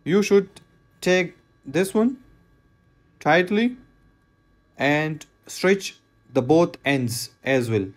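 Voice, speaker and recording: Slow-talking man explaining knot tying. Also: a little high, expressive. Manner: plain, repetitive step-by-step instructions with non-native phrasing. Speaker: fishing knot instructor. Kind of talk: hands-on tutorial voice-over.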